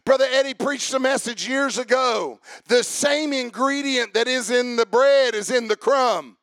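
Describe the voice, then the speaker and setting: A man preaching a sermon to a congregation, asking them questions and rising into a chanted, shouted preaching cadence. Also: very high voice, a little slow, dry recording, studio quality.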